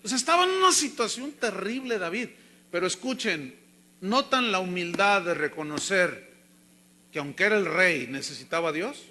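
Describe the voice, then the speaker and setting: Male Mexican pastor, sermon delivery, high and bright, storytelling with dynamic swings. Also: expressive, normal speed. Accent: Mexican Spanish. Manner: storytelling with acted quotes, swinging loud and soft.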